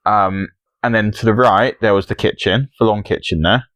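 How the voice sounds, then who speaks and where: A man's voice: on the low side, normal speed, a bit bright, no room sound. A man co-hosting a podcast in casual chat, reading quiz questions and joking teasingly. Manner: teasing, jokey. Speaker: podcast co-host.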